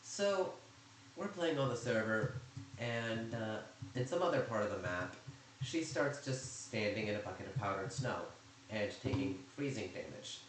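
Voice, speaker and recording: A man with a fairly low voice rambles through a casual story, chatty and quick with sarcastic asides. His voice bounces around a very echoey room, and faint noise hums underneath. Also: expressive. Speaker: YouTuber recounting server drama.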